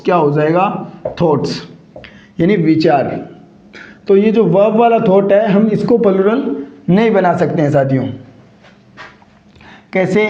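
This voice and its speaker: A man's voice: high-pitched, a little mellow. Man, teacher, lecture, quizzing himself aloud, echoey room, dull lo-fi recording. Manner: repeats rhetorical questions and answers them himself. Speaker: English teacher. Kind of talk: classroom lecture.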